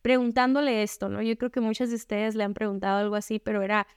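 Speaking at a quick pace in a level tone, this woman has a smooth mid-range voice captured in clean studio sound without room noise. She frankly recounts her personal faith journey to other women, chatting conversationally and often adding "¿no?".

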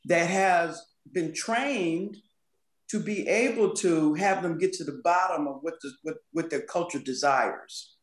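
A woman's voice: lowish voice, a little slow. Thoughtful woman guest in an echoey room. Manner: thoughtful, emphatic, laughs easily. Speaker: guest, culture and communication consultant. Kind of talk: podcast conversation.

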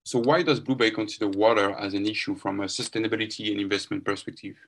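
A man's voice: lowish voice, steady tone, fast. A man hosting a podcast interview, introducing and asking questions in a scripted style. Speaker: podcast host.

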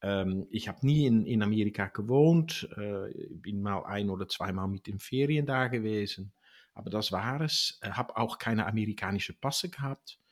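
Interview guest, man in his sixties, Dutch accent, halting and searching for words. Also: lowish voice. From Netherlands. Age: 60s. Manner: halting, many fillers and restarts. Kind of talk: interview answers.

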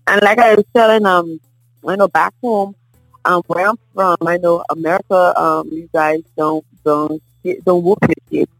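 A middle-aged woman from the Bahamas with a Bahamian accent, a guest in a casual table conversation, telling stories in a lively way and often asking "you understand?". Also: lowish voice, measured pace, no room sound, soft background music, poor audio. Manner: animated storyteller, often asks "you understand?".

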